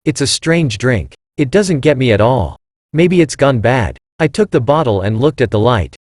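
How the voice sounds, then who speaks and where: A man narrating a first-person story in a steady storytelling read. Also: mid-range voice, moderate pace, no room sound, studio quality.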